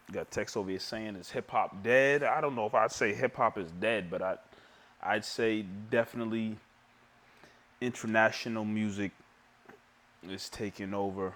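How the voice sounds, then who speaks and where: A man's voice: fairly low pitch, fairly bright tone. A man co-hosting a casual podcast, easygoing and reflective, who stresses his points by repeating them. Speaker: podcast co-host.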